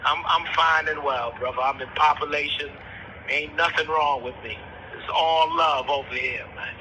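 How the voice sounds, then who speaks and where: A man on a prison phone call, talking calmly and firmly in street slang. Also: fairly high pitch, moderate pace. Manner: calm, firm denials, street slang. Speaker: inmate caller. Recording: phone call with faint noise.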